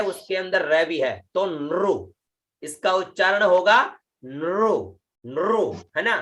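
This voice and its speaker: A man teaching Vedic chanting in an online lesson. He draws out each syllable slowly and patiently explains how to pronounce it, often checking in with the listener. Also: high voice, pushed and bright. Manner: slow, drawn-out syllables with chanted demonstrations.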